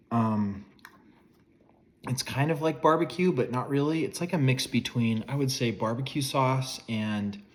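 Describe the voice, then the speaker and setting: A man in his forties giving a casual food review, chewing as he talks between bites. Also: medium pitch.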